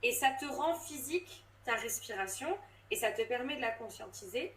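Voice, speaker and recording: Animated and slightly high-pitched, with a fairly bright tone and moderate pace, a woman in her thirties explains things hesitantly in a casual interview. She's a voice coach and drama teacher who uses many fillers and restarts, heard distantly in a roomy space.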